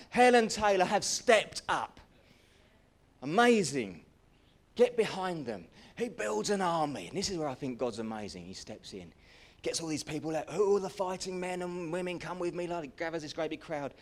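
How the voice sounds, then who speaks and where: Welsh male pastor, animated sermon storyteller, high and wildly expressive voice. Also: creaky. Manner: animated, acts out voices, swings from hushed to shouting. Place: church hall.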